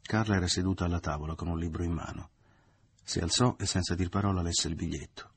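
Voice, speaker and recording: Deep husky male audiobook narrator. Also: fairly even intonation, dry recording. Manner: measured literary reading. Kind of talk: audiobook reading.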